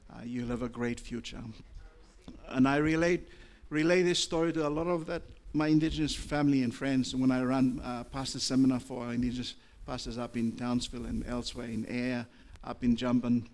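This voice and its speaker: With a steady tone, a male pastor with an Australian accent delivers a sermon that moves from calm, low speech to forceful, fervent preaching.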